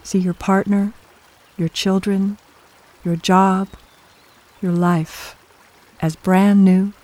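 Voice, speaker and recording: Meditation guide, mid-pitched and mellow. Soft, soothing scripted delivery, slow and measured with generous pauses. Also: little pitch movement.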